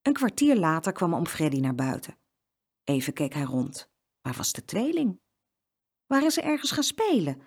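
A woman narrating a children's story in a lilting, expressive way. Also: sits low, breathy edge.

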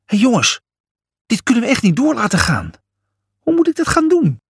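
A man's voice: big pitch swings, moderate pace, slightly rough, no echo, clean studio sound, full character voice. A man voicing a whiny, cheeky young male pig who panics easily. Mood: panicked. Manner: high, whining, panicked.

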